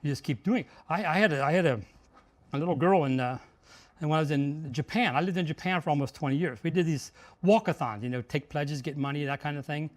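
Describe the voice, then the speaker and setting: A middle-aged man giving a motivational talk, telling a story with lots of energy and raising his voice sharply when he acts out shouted lines. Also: a little high, quick pace. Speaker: host, marketing speaker.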